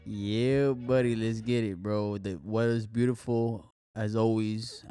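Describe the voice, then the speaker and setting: A man's voice: lowish voice, steady tone, slow pace, dark tone, clear, resonant tone, dry recording, faint music behind. A man co-hosting a podcast with casual, slangy frat-bro banter, tossing in bro and dog constantly. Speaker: podcast co-host.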